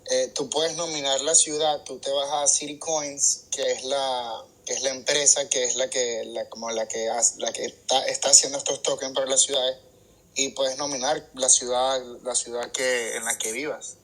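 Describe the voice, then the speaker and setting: A man appearing as a guest in a casual online chat, talking quickly and restarting his sentences. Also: mid-range voice, level tone, a bit bright, poor audio. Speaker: guest co-host.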